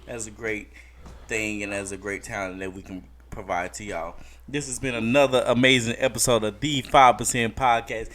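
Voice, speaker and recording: A man's voice: fairly low pitch, fairly even intonation, moderate pace, fairly bright tone, a little hiss or hum. Drunk, boisterous podcast host man. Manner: boisterous, joking sign-off patter. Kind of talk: casual group chat.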